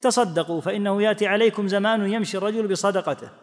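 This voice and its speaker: High-voiced man teaching in a reverberant hall. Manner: measured, explanatory, voices quoted speakers. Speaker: teacher explaining hadith. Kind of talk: religious lesson commentary.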